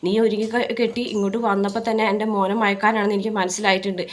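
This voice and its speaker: A woman's voice: medium pitch, level tone, rapid-fire, natural voice. A woman voicing a furious, domineering middle-aged mother who scolds and hurls insults. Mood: scolding.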